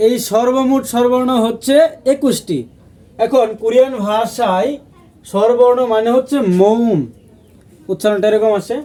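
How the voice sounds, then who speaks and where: A man teaching a language lesson, speaking slowly and repeating each sound aloud for learners. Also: very high voice, dark tone. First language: Bengali.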